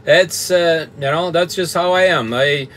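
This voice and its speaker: A fairly high-voiced man from Canada, a trucker talking from his truck cab. He chats loosely and bluntly, full of fillers and little chuckles, reading out comments as they come in. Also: unhurried, a bit bright. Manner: blunt, straightforward, chuckles often, many fillers. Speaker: trucker streaming a live show. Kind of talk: casual live-stream chat reading comments. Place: truck cab with bunk heater and fan.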